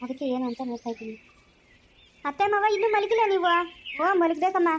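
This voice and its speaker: A woman playing a timid young daughter-in-law in a homemade comedy skit, asking high, fast, pleading questions. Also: lively intonation, slight background noise. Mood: plain.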